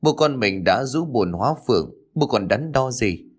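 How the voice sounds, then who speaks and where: A man voicing a young newly appointed mandarin, speaking smoothly and persuasively to his mother. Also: medium pitch, lively intonation, normal speed, lightly acted. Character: young newly made mandarin son, gentle yet ambitious.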